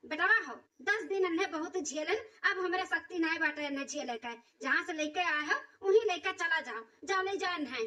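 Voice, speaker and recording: A woman's voice: very high-pitched, sharp tone, voice pushed down. A woman voicing a stern village mother-in-law in a cartoon comedy, scolding her daughter-in-law in an Awadhi accent. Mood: fed up. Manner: nagging, rapid dialect scolding. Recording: distant, dull lo-fi recording.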